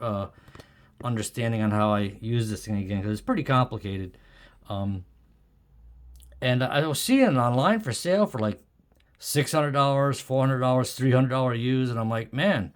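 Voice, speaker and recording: Seated at a wooden desk in a room at home, a middle-aged man with a mid-range voice rambles casually to himself while showing an object, hesitant, musing and self-deprecating. He's an amateur video maker filming on a tripod-mounted camera or phone. The home recording is clearly noisy, with clicks throughout.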